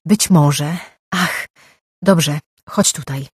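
Give me a narrator playing a sharp, wary young woman, brisk and a little husky. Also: mid-range voice, no echo, clean studio sound, exaggerated voice.

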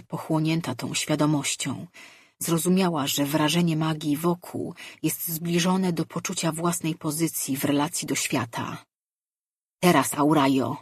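A woman reads a fantasy audiobook in a measured, steady storytelling voice. Her tone is low and husky, recorded close and dry with no room sound. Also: no room sound. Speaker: audiobook narrator. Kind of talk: scripted fantasy narration.

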